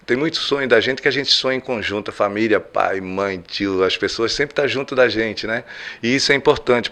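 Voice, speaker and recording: A man hosts an interview in a bright, clear voice. He speaks in short, measured phrases, first reading out his guest's background and then asking about his childhood. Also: medium pitch. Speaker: interview host.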